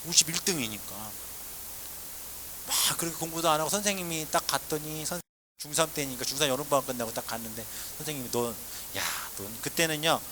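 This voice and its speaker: A male pastor, likely in his forties and from South Korea, telling his own testimony in a sermon, swinging between loud exclaiming and hushed asides. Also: a little high, a little fast, background noise.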